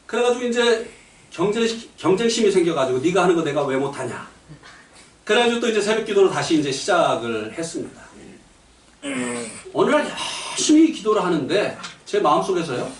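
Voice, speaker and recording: Man, high and very lively pitch, preaching a testimony; recorded from a distance in an echoey hall. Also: brisk. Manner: animated storytelling with shouted punchlines and laughter. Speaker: lay preacher giving a testimony. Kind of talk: sermon testimony. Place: church meeting hall.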